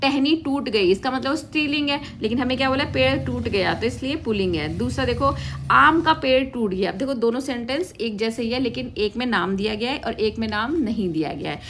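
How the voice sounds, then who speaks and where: A woman's voice: on the high side, fairly quick, fairly bright tone, a little hiss or hum. A woman teaching a grammar lesson, patiently asking questions and answering them herself, calling her students "beta" as she works through examples. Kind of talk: classroom-style grammar lesson.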